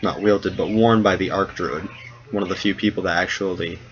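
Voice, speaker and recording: A man's voice: steady tone, normal speed, a bit bright. A man narrating as game master in a tabletop role-playing game, talking casually and voicing the characters. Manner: casual, laughs at his own story. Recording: dull low-fi sound with faint noise.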